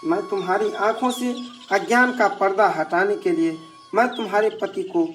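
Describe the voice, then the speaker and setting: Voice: mid-range voice, moderate pace, music in the background, natural voice. A narrator voicing a stern, caring mother goddess. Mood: solemn. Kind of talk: devotional storytelling.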